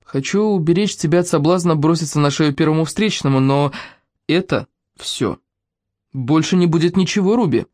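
Woman narrator doing a tired firm guy, patient, low-key. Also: normal speed, a little mellow, no room sound, studio quality, lightly acted. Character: weary, firm young man.

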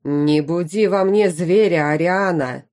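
A woman's voice: on the low side, measured pace, darkish tone, lightly acted. A woman voicing a stern, commanding middle-aged duke and father in an audiobook. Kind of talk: audiobook character reading.

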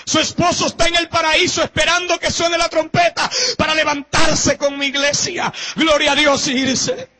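A man's voice: very high-pitched, level tone, normal speed, few pauses, noisy background, pitched above the performer's own voice. A man preaching, voicing the Lord in solemn, declaiming tones within his sermon. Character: the Lord speaking solemnly, male.

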